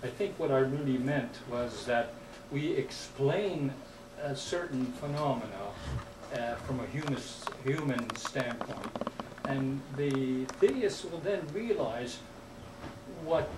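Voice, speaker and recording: A man in the audience making a hesitant comment at a public talk, with many pauses and fillers. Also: mid-range voice, expressive. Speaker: audience member asking a question. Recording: roomy hall sound from a distance, clear noise.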